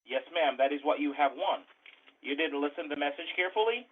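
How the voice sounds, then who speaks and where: Man talking fast on a tinny landline, smooth scripted pitch, not a native english speaker. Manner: fast-talking, well-spoken sales pitch. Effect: over a landline phone. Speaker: scam caller. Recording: tinny phone line.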